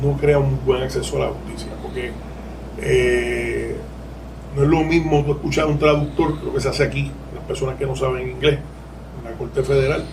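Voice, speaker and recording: A Puerto Rican lawyer who presides over a legal aid board is a guest on a podcast interview, speaking with a Puerto Rican Spanish accent. He's candid and digressive, laughing as he explains. His medium-pitched voice is recorded from a distance amid background noise.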